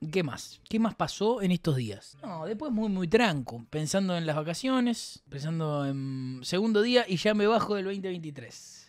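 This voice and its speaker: A man's voice: on the high side, no room sound. A man with a Rioplatense Argentine accent chatting casually on his stream, rambling and joking in heavy slang.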